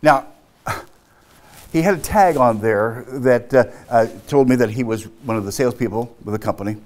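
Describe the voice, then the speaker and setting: Male business speaker, storytelling keynote, animated, halting, laughs often. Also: medium pitch.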